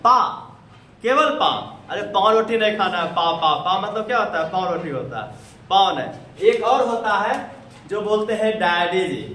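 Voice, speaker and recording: In an echoey classroom, a man with a Bihari accent quizzes his English students with question after question. He sounds high, expressive and sharp at a normal speed, recorded from across the room with slight background noise.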